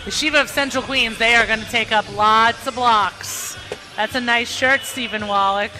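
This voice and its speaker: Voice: mid-range voice, steady tone, moderate pace, poor audio. A parade commentator giving live coverage outdoors, mixing announcements with casual banter. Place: outdoor city parade on an avenue. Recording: music and crowd behind, live street broadcast.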